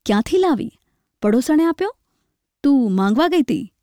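A woman reading a story aloud, voicing a poor, starving village man who is proud, bitter and quick to lash out in scornful outbursts. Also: high-pitched, big pitch swings, dark tone, no echo, studio quality. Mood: suspicious.

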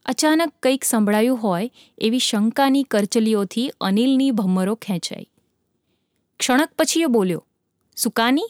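A woman narrating a dramatic sea story with a vivid, measured reading. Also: on the high side, animated, a little mellow, no room sound, studio quality.

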